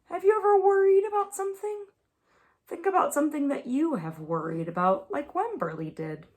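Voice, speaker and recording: A high-pitched woman, a preschool teacher, reads a picture book aloud to young children with expressive, deliberate phrasing, emphasizing words along the way.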